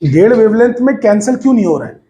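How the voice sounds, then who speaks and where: A man teaching physics to a class of students, lively and coaxing, calling them to listen and asking if they follow. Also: sits high, quick pace, a crowd in the background. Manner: lively, coaxing, addresses students as beta, mixes English phrases.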